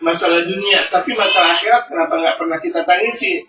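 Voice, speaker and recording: A man preaching a sermon, animated and teasing, swinging between loud and soft. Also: high-pitched, quick pace. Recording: echoey hall, distant mic, dull sound.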